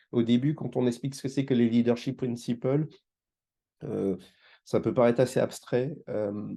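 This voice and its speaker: Speaking as a guest at a conference, this engagement manager from Martinique, France, presents informally in a mid-range, gravelly, dark-toned voice. His explanations are hesitant, with repeated words.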